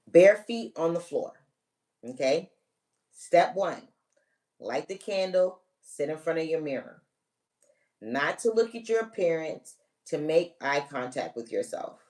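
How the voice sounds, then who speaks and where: Speaking at medium pitch, a little slowly, in an expressive voice with a darkish tone, a spiritual reader on a live stream walks viewers through a ritual one step at a time. The coaching is casual yet emphatic, full of direct commands and regular check-ins, and the mic picks the voice up from a bit of a distance.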